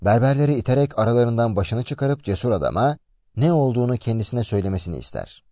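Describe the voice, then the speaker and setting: A man retelling a story aloud in a lively, expressive way. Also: mid-range voice, fast talker, dry recording, clean studio sound. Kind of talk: narrated story summary.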